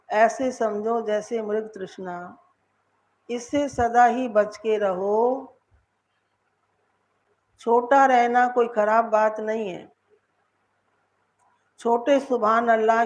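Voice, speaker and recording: Woman, spiritual teacher, devotional lecture, very slow delivery, dull lo-fi sound. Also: fairly high pitch. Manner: repeats words for emphasis, asks the listeners questions.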